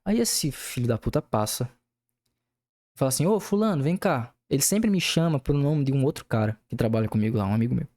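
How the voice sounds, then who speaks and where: Here a young podcaster rants furiously about work, cursing constantly, in a fairly quick, expressive, mid-pitched voice with a darkish tone.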